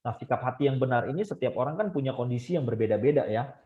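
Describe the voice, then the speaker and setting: A man giving a casual, emphatic Bible study lecture online, his voice jumping high to stress points. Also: lively intonation, fast talker, echoey room, phone-quality sound.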